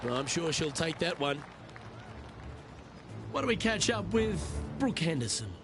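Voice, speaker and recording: Loud music and crowd noise sit behind a male golf commentator in a video game. His voice is a little high for a man. He calls the play in a measured, appreciative way, as the lead announcer of a televised round. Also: very animated. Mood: measured, engaged.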